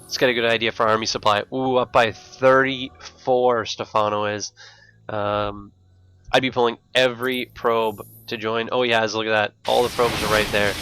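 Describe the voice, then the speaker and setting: A man with a lisp and slushy s sounds, giving excitable live esports commentary and thinking aloud. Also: medium pitch, normal speed, smooth. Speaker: esports shoutcaster. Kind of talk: live StarCraft match commentary.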